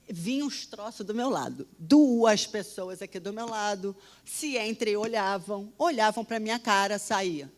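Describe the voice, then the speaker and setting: A woman telling a personal testimony in an animated, dramatic way, often dropping to a hushed voice. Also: medium pitch. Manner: animated, dramatic storytelling with sudden drops to a hush. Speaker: storyteller.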